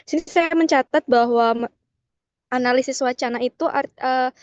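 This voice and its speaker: A young woman from Yogyakarta, speaking softly and politely as a student in an online class. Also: sits high, normal speed, no echo, highs cut off. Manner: soft-spoken, polite, hesitant with fillers. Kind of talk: class discussion on a video call. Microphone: video call.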